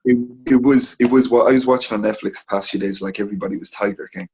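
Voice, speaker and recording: Husky man telling a rambling story. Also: on the low side, quick pace, highs cut off. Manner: animated, rambling anecdote-telling. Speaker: podcast co-host. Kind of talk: casual sports podcast chat.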